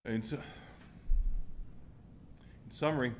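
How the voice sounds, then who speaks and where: A man giving a formal planning presentation to a council, halting often as he goes. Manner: halting, with frequent pauses and hesitations. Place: council meeting room. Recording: rumbly background room noise.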